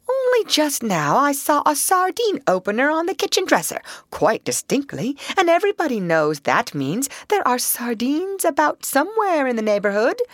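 A woman voicing a brisk, cheerful male water rat who talks in a bright, hearty, bossy way. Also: sits low, dry recording, studio quality.

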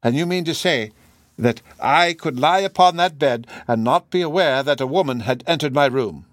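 A man reading aloud, voicing an old male professor who laughs falsely and cries out in high, frantic tones. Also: moderate pace, no echo, lightly acted. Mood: mocking. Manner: forced laughter, shrill outbursts. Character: aged male Russian professor, sly then frantic.

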